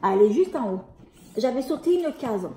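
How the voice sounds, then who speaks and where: A woman with a fairly high but mellow voice chats through a beauty unboxing. She hesitates often, trailing on fillers and starting phrases over. The room around her is echoey. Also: sing-song, a little fast, slight background noise. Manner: hesitant, many fillers and restarts. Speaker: beauty vlogger. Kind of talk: casual product unboxing.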